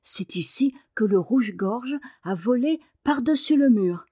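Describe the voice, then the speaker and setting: A woman doing a hushed secretive little girl. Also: a little high, animated, a little slow, husky, dry recording, clean studio sound. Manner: hushed, half-whispered.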